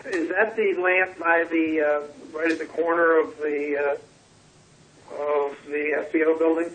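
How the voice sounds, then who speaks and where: Remote commissioner on speakerphone: man, higher, bright tone, brief and polite. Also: fairly even intonation, slow pace, a little hiss or hum, low-quality recording. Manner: short, polite replies. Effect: heard over a speakerphone. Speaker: commission member calling in remotely. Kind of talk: public meeting by phone.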